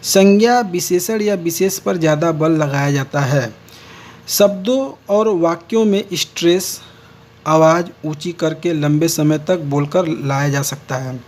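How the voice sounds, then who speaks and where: A man's voice: a little high, unhurried. A man teaching a lesson and explaining each point step by step. He often repeats key words and restates them. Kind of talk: lecture on speech errors.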